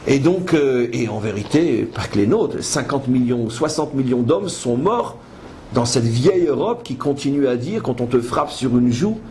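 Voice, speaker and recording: Speaking at a moderate pace, a man with a medium-pitched, dark, expressive voice gives a religious lecture as a rabbi teaching Torah. He comments on scripture emphatically and didactically, posing rhetorical questions and shifting between French and quoted Hebrew verses. The live lecture was recorded with a lot of noise.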